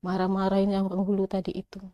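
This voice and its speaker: A woman's voice: mid-range voice, monotone, quick pace, dry recording, dull audio. A middle-aged woman telling her own life story in a casual way, acting out the arguments by quoting both sides. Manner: conversational, with many restarts and asides.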